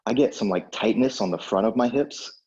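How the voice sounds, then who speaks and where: A man's voice: fairly low pitch, moderate pace, darkish tone, dull audio, slight background noise. A man coaching a workout like an aerobics instructor, casually giving short encouraging cues and countdowns while exerting himself. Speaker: fitness instructor.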